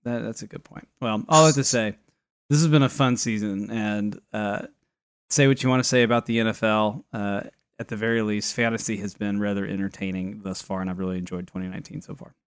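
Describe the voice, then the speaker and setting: A man's voice: on the low side, steady tone, brisk, clear, resonant tone, no room sound, studio quality. A man co-hosting a casual podcast chat, talking in a wry, wordy, mock-formal way with a facetious streak. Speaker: fantasy football podcast co-host.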